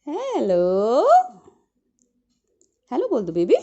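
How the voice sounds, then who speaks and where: Doting woman in lively baby talk. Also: a little high, normal speed, dull audio. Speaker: pet owner. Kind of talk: talking to a pet parrot.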